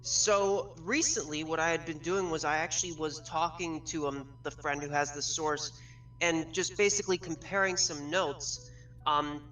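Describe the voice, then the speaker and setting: A man's voice: a little high, fairly even intonation, normal speed, pushed and bright, slight background noise. A man as a guest on a casual gaming chat, explaining his theories step by step in detail. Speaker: guest with leak source. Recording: far from mic, faint music.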